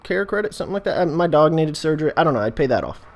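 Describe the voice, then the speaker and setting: A man's voice: a little high, expressive, very fast. Casual, rambling American man, jokey and meandering. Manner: jokey, meandering, self-interrupting. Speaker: video host. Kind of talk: casual rambling vlog chat.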